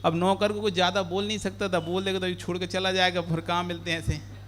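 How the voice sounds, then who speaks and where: High, bright-voiced man preaching. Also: fast, slight background noise. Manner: animated, playful, acts out the characters. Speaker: Jain monk preaching. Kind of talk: sermon with storytelling.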